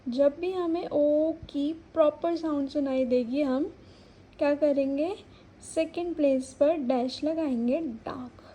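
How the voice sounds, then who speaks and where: A woman's voice: sits high, slow, warm tone, low-quality recording. A young woman teaching a shorthand lesson, patiently repeating words to sound out each vowel. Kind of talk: explaining a stenography lesson.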